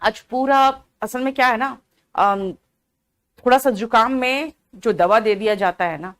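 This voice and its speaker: Woman online tutor, slow-paced and slightly high voice, drowsy, chatty, mixes English terms into her explanations. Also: a bit bright. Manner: chatty, answers students by name, mixes English into Hindi. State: drowsy from cold medicine. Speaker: online exam-prep teacher. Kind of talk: live online class, explaining an English comprehension passage.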